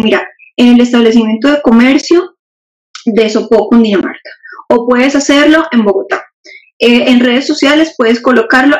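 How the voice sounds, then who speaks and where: Woman legal expert, slightly high voice, measured and explanatory, muffled lo-fi recording. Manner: measured, explains with examples and rhetorical questions. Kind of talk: explanatory interview talk. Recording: dull muffled audio.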